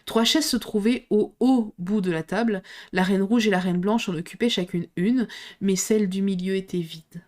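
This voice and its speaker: A woman reading a classic storybook aloud in a steady, clear storytelling manner. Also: mid-range voice, normal speed. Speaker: reader.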